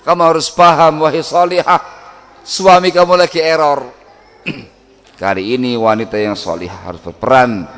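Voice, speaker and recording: A middle-aged man preaching a sermon on family life, lively, acting out home scenes in sudden loud voices. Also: mid-range voice. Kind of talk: Islamic sermon.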